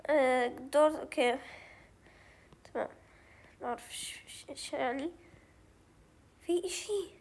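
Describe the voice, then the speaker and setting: A woman's voice: sits high, measured pace, pauses often. A young woman with a Levantine Arabic accent, chatting through a game as she plays, thinking aloud and mixing in English words. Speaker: gaming channel host. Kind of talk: let's play commentary.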